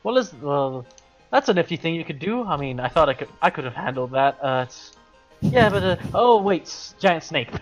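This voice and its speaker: A man's voice: fairly high pitch, very animated, normal speed, soft background music. A man playing a tabletop game in casual talk, easygoing and asking about the rules. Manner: easygoing, asks rules questions. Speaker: player.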